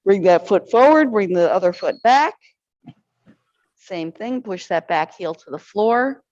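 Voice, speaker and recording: A woman's voice: medium pitch, lively intonation, measured pace, a little mellow, no echo, muffled recording. A woman instructor leading an arthritis exercise class, counting reps aloud and encouraging the group.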